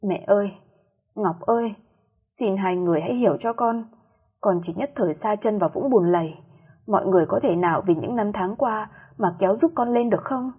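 A woman voicing a remorseful husband who begs his family for forgiveness, with a breathy voice. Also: medium pitch, fairly quick, dull audio, lightly acted. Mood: begging. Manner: begging. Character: remorseful adult husband, weeping and begging.

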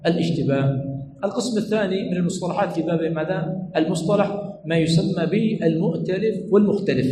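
A man's voice: high-pitched, dark tone, reverberant, slight background noise, low-quality recording. A sheikh teaching a class lesson, repeating each point and asking his students what comes next, then answering himself. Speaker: sheikh teaching hadith terminology. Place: lecture room at a religious study center.

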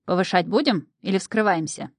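A man's voice: sits high, a little fast, vocal fry, breathy edge, no echo, studio quality, heavily acted. A woman voicing a greedy little male imp familiar who haggles in a businesslike way.

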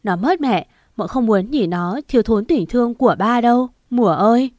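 A woman's voice: fairly high pitch, animated, moderate pace, dry recording, clean studio sound, close to an everyday voice. A woman storyteller voicing the tearful, pleading spirit of a young mother, in a choked, sobbing voice. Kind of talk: audiobook story reading.

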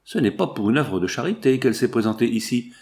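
A man reading as a stern noble father, firm and indignant, in a storybook. the voice sits at an ordinary middle pitch and lectures in long, measured sentences. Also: animated, darkish tone, natural voice. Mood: grave. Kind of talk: audiobook character voice.

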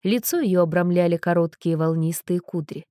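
A woman narrating an audiobook story in a measured, expressive reading. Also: on the low side, no room sound, studio quality. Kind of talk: scripted narration.

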